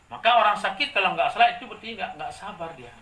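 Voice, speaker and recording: A male preacher giving a lively sermon, asking the congregation to complete his sentences. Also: sits high, fast talker. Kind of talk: sermon with call-and-response. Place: hall with a gathered congregation. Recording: echoey room, distant mic, faint noise.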